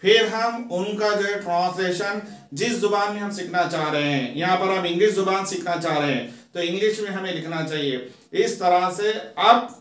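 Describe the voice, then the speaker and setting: High-voiced man teaching English words. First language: Urdu. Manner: slow, spells words letter by letter. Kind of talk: classroom lesson explaining English words. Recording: echoey room.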